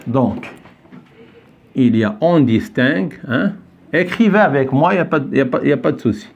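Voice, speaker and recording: A man's voice: mid-range voice, animated, a little fast, gravelly, slightly rough, highs cut off. An older man teaching a French pronunciation lesson, patiently repeating himself, checking that everyone follows and quizzing a young pupil. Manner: questions and praises a child pupil.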